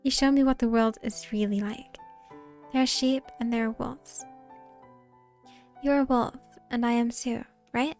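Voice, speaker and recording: A tearful young woman, as a female streamer puts her on, clings to the one she loves with breathless, pleading devotion. Her voice sits high and she keeps it in a narrow band, slipping into whispers. Light music hums under the story-game reading. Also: fairly even intonation, a little slow, pauses often, darkish tone. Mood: tearful adoring.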